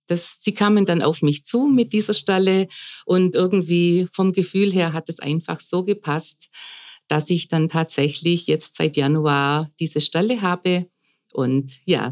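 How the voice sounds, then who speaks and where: Low-voiced woman in her fifties. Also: unhurried, a little mellow. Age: 50s. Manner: thoughtful, explains at length with fillers. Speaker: palliative care coordinator. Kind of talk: conversational podcast interview.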